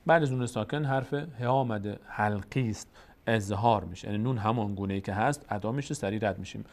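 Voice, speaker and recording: A man with a Tajik-influenced Persian accent teaching Quran recitation, explaining the rules quickly and then drawing out the example words slowly. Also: fairly low pitch, darkish tone. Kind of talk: tajweed lesson with slow recited examples.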